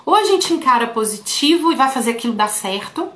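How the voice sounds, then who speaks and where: A woman therapist with a slightly high voice coaches her colleagues in a relaxed, talky way, often turning to her viewers directly. The room around her is roomy and echoey. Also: fairly quick. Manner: talks straight to viewers, often saying "folks". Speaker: therapist teaching other therapists. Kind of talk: casual teaching through a patient story. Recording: roomy echo.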